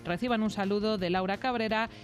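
A woman's voice: mid-range voice, quick pace. A female sports presenter with a Spain accent speaks in broadcast style. She moves between bulletin reading and chat, with faint music underneath.

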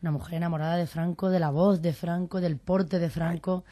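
Hoarse, low-voiced Spanish actress. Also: female voice, fairly even intonation, brisk, dark tone, dry recording. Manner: chatty, joking, trails off and restarts. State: hoarse from pharyngitis. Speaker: stage actress, guest. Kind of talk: casual radio chat.

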